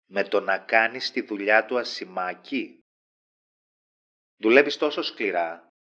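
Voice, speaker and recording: A man's voice: fairly low pitch, lively intonation, bright, forceful tone. Guy doing a slick scheming boss, sweet-talking, kinda dull muffled audio. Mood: smooth. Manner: silky and persuasive. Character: smooth, manipulative male boss. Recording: dull lo-fi sound.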